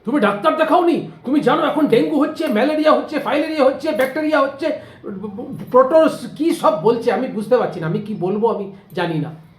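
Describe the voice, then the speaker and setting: A man with a Kolkata Bengali accent voicing a nosy, alarmist neighbour who rattles off diseases in a shrill, rapid voice. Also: animated. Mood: alarmed. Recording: echoey room.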